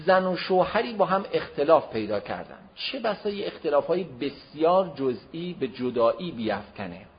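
A man giving a religious lecture, explaining to listeners, with emphatic swings between loud and soft delivery. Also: medium pitch. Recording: dull lo-fi recording.

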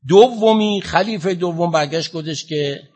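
Husky-voiced man preaching a sermon. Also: animated. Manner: questions the listeners directly and demands answers; slow, emphatic retelling with rising pitch and loudness. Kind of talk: sermon storytelling.

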